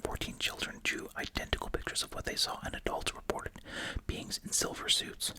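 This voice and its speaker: Close to the microphone, an ASMR host whispers in a breathy, unvoiced way at normal speed, chewing gum as they talk. They alternate between reading aloud and casual, chatty comments.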